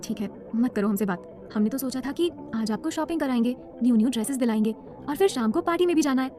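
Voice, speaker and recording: A woman's voice: fairly high pitch, expressive, fast, mellow, soft background music, natural voice. A woman voicing a young woman who scolds and then coaxes a child with formal, polite address. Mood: coaxing. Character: young woman, stern but caring guardian.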